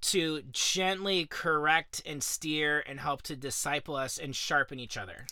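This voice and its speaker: A man's voice: a little high, fairly even intonation, measured pace, bright, forceful tone, dry recording, clean studio sound. A man co-hosting a casual faith podcast, speaking earnestly and with emphasis, often checking in with "right?". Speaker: podcast co-host.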